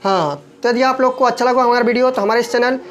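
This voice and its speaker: A man teaching English grammar in with a lilt, who keeps checking the class with quick questions. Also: very high-pitched, steady tone, soft background music, poor audio.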